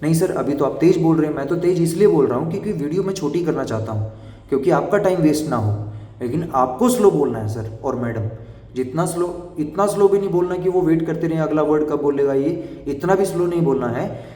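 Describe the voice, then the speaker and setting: A young man giving fast, direct advice to job interview candidates in an instructive explainer style. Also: a little high, animated, dark tone. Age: young adult. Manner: brisk and instructive, addresses viewers directly. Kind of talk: explainer video talk. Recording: echoey room, voice from far off the mic.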